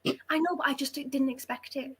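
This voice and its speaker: A woman with a high, fairly evenly inflected voice chats briskly about books as a readalong panelist. Her casual book discussion is full of banter, and she comes across as blunt, jokey and sweary.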